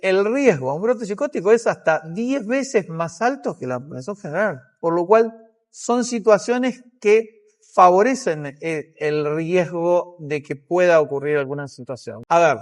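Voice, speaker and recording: This Argentine-accented man is a psychiatrist answering interview questions, explaining things in a measured way while thinking out loud. His voice is high-pitched, with lively intonation.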